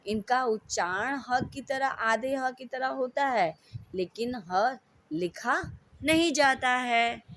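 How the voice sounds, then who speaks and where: A woman leads an online lesson for young children. Her voice sits a little high and she speaks very slowly. She repeats each word patiently so the class can follow along. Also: a bit bright. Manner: slow, patient, repeats words for children to copy. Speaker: teacher.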